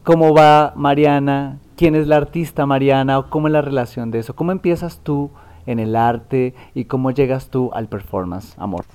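A male talk show host who chats affectionately and wanders, restarting his phrases. His voice is dark and mellow, at a middling pitch. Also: steady tone, moderate pace, few pauses, clear, resonant tone. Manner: rambling, self-correcting, affectionate. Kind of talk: casual interview hosting.

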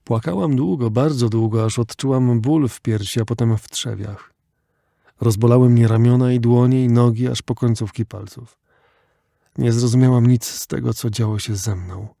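Male audiobook narrator, measured and reflective, mellow tone, dry booth. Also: medium pitch, steady tone, creaky, no echo. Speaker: audiobook reader.

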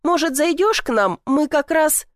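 A woman's voice: high voice, lively intonation, a little slow, dry recording, studio quality, voice pushed up. A woman voicing a kind middle-aged mother in an audiobook, affectionate and concerned. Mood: fussing.

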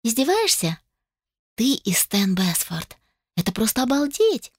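A woman's voice: high-pitched, very animated, moderate pace, no room sound, studio quality, voice pushed up. Woman doing a squealing gossipy teen girl. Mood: amazed. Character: excited gossipy teenage girl cousin.

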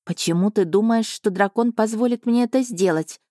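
A nervous young heroine protests and questions in a raised, flustered voice, as a woman reader puts her on. Her tone stays mellow, recorded dry and near. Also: medium pitch, normal speed, no room sound, pitched above the performer's own voice, natural voice. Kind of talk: audiobook reading.

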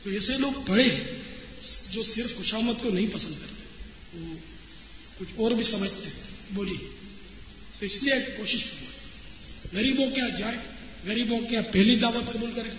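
A man's voice: sits high, pauses often, noisy background. A man preaching a sermon, scolding his listeners with pointed rhetorical questions. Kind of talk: sermon to an audience. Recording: echoey hall, slightly dull sound.

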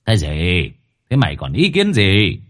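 A man voicing a bossy, gruff middle-aged male exorcist who scolds and threatens. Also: low-pitched, wildly swooping pitch, measured pace, fairly bright tone, exaggerated voice.

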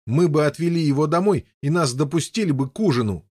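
A man reading an audiobook, voicing Gawaine, a hotheaded boy who yells in a loud, indignant voice. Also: on the high side, lively intonation, fast talker.

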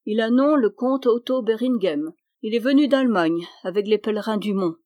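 A woman's voice: fairly high pitch, expressive, normal speed, a little mellow, dry recording, studio quality, lightly acted. A woman reading the lines of a mocking, chattering male dwarf in a storybook reading, teasing and exclamatory.

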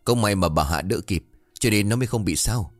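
A man's voice: lowish voice, lively intonation, fairly quick, no room sound, soft background music. A man voicing a talkative villager eagerly retelling village news.

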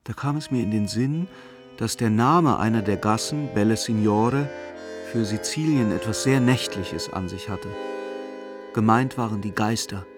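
A man narrating a radio drama in a slow, measured, melancholic manner. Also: fairly low pitch, over music, natural voice. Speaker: narrator and main character.

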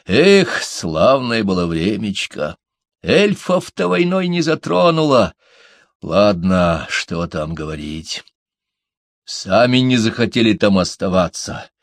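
A man voicing a calm, deliberate male dwarf who weighs his words. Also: fairly low pitch, no echo, studio quality, exaggerated voice. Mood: pondering.

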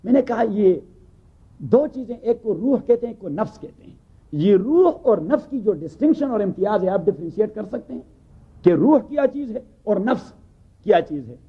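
A man teaching a scripture class in a storytelling manner, repeating phrases for emphasis and reciting Arabic lines slowly. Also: high voice, big pitch swings, husky. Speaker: Quran teacher. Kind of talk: Urdu Quran commentary class. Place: mosque or community hall class. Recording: tinny phone-like recording.

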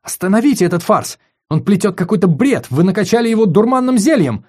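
A male audiobook reader voicing a haughty, spiteful young woman who is a councillor at an academy, speaking in a shrill, indignant way. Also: animated, fast talker, warm tone, natural voice.

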